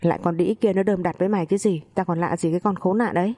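A bitter, foul-mouthed old mother-in-law from a spoken family story, throwing coarse insults at everyone. A woman reads her in a low, mellow voice. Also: steady tone, rapid-fire, lightly acted. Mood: scornful. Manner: crude shouting insults.

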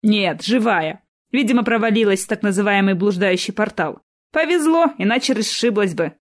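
Woman doing a calm ironic man. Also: medium pitch, natural voice. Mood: musing. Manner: dry, ironic, unhurried. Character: handsome man around thirty, calm and ironic.

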